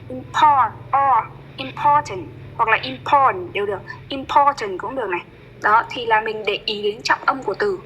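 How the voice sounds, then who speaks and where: A woman coaching a student's English pronunciation. She is patient and coaxing, and she says words slowly and repeats them. Her voice is bright and fairly high, with a faint hiss behind it. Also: low-quality recording. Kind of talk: one-on-one online tutoring.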